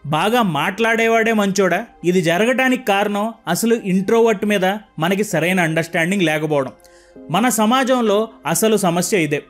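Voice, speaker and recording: A young man narrating a book summary in an earnest, reflective way, asking calm rhetorical questions. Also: high voice, moderate pace, faint music behind. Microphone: close microphone.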